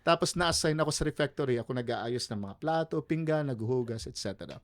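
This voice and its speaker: A man's voice: mid-range voice, brisk. A middle-aged man from the Philippines, a guest telling his life story in a radio interview and moving between Tagalog and English.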